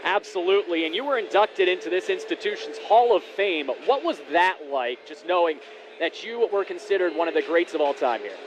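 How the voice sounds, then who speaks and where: A man's voice: high-pitched, expressive, brisk, a crowd in the background. A man working as a hockey announcer and interviewer, with a polished, formal live broadcast delivery. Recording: noisy live rink broadcast.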